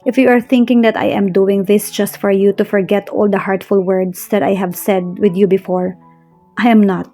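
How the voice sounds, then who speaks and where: A woman voicing an earnest young man who speaks slowly and softly to the woman he loves. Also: mid-range voice, flat delivery, soft background music, close to an everyday voice. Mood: tender. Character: tender, earnest young man courting his love.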